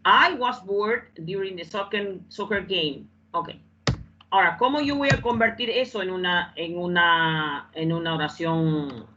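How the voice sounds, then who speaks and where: A woman's voice: fairly low pitch, pushed and bright, dull audio, slight background noise. A woman teaching English in Spanish in an online class, repeating phrases and often checking that students follow.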